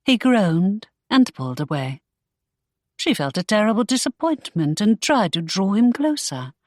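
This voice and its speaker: A woman narrating a historical romance audiobook in an expressive storytelling manner. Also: medium pitch, measured pace, dry recording, studio quality.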